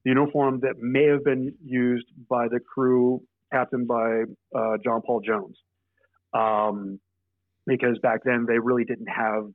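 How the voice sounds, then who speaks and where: A man's voice: medium pitch, dry recording. Young male guest, rambling storyteller, tinny phone-line sound, dry. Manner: rambling, halting, many restarts. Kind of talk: casual storytelling.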